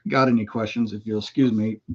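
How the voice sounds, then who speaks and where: A man's voice: fairly low pitch, fairly even intonation, brisk, breathy edge. Folksy man on the hiccups, rambling live-chat host, dull lo-fi sound. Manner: rambling, folksy, many fillers and restarts. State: has the hiccups. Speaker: motorcycle vlogger. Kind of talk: casual livestream chat.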